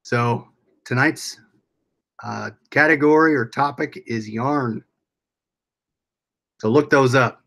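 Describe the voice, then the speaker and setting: A man's voice: medium pitch, slow, creaky, long pauses, a bit bright. An American man hosting a casual livestream, rambling along as he reads and answers viewers' comments aloud. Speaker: livestream host.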